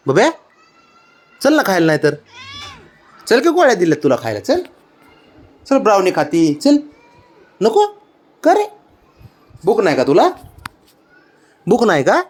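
A man chatting to his pet cat in a coaxing, teasing way, repeating questions and chuckling often. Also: on the high side. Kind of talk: casual baby-talk to a pet.

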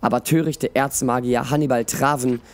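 A man's voice: mid-range voice, steady tone, moderate pace, pitched above the performer's own voice, natural voice. A man voicing a cheerful, plump older woman necromancer in a read-aloud storybook, with a sweet, cooing manner. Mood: soothing.

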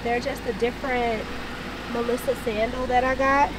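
A vlogger in her thirties talks casually to camera, first in a parked car and then out in a parking lot, recorded on a camera mic with background noise. Her fairly high voice has a level tone at a moderate pace as she rambles, swears and gets a little tearful.

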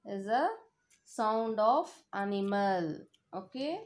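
A woman teacher reading aloud to young children as if to a toddler, in short, simple, repeated phrases. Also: mid-range voice. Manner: slow, simple phrases with repetition, pointing along a textbook. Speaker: primary school teacher.

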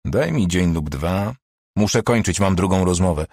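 A wry, self-mocking male detective, voiced by the narrator, speaks in a deep, husky voice with dry humor. The recording is close and dry. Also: expressive, normal speed, a little mellow, no room sound, exaggerated voice. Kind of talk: audiobook character voice.

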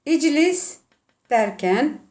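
A woman teacher with a Turkish accent, slowly explaining Arabic vowel marks and sounding out letters one by one. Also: high-pitched, big pitch swings, darkish tone. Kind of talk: classroom lesson.

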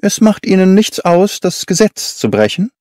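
Sherlock Holmes, a man doing a brisk eager detective. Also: high-pitched, very animated, darkish tone, no room sound, clean studio sound, voice pushed up.

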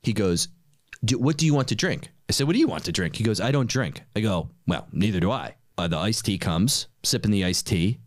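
A man's voice: sits low, brisk, hardly any pauses, no echo, clean studio sound. A man hosting a podcast, telling a story with acted-out quotes and casual swearing. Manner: animated storyteller acting out quotes, swears freely. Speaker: podcast host.

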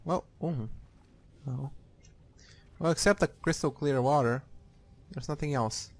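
A man's voice: on the high side, unhurried. A man giving casual, sweary playthrough commentary, reacting aloud as he plays a game. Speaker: gamer. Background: game music.

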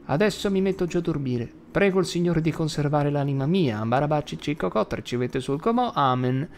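A man reading an audiobook voices a petulant, bossy old grandmother in a shrill, scolding voice. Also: expressive, brisk. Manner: shrill, scolding, bursts into shouting.

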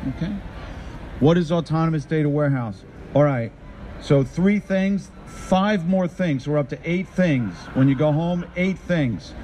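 A middle-aged conference presenter with a fairly high, warm voice gives a live tech talk into a handheld mic on a trade show floor. He's upbeat and quizzes the crowd with questions, while faint show-floor noise sits in the background.

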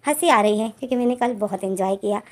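A woman's voice: medium pitch, fast talker, a little mellow, lightly acted. A woman voicing a confident, teasing young man in a storybook reading, bossy and playful toward his partner.

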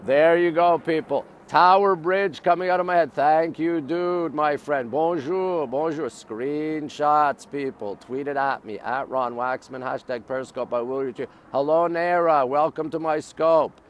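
A Montreal live-streamer in middle age tours the urban riverside outdoors, his North American-accented voice a little high and a little slow, with hardly any pauses. He chats casually in short, exclamatory, repetitive bursts, over a faint hiss or hum.

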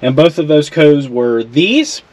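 A vlogger with a slightly high voice walks viewers through his car build in a garage and inside a truck, speaking unhurriedly on a dry recording. Relaxed and self-deprecating, he explains each step as he works and jokes about his own mistakes in this casual how-to.

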